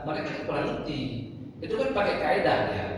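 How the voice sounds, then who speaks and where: A man's voice: on the high side, huge pitch swings, fast talker. A man teaching an Arabic class, joking and imitating Arabic dialects, recorded from afar in a mosque hall. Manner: jokey, mimics Arabic dialects. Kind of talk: classroom lesson. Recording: echoey hall, distant mic, faint hiss.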